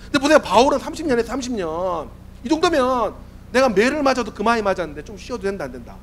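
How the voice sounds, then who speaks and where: Hoarse, high-voiced man preaching animatedly. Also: quick pace, slight background noise. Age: 40s. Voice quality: hoarse, worn voice. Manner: lively, keeps asking the congregation questions. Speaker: youth pastor. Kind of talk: sermon. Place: church sanctuary.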